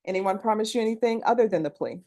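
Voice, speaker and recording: A woman judge reading formal plea questions in a brisk, set manner, heard on a courtroom recording. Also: medium pitch, dark tone.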